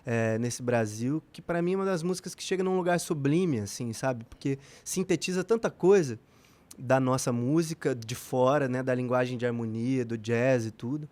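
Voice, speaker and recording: A man's voice: medium pitch, normal speed, darkish tone. A man with a Brazilian Portuguese accent, a musician guest talking in a casual podcast interview, reflective and rambling with many fillers.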